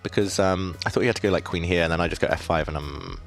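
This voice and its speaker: A man with a very low voice chats casually through a live chess stream, mocking his own mistakes and answering viewers. Faint music plays quietly underneath. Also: fast, gravelly. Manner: self-deprecating, chatty, reads chat questions aloud.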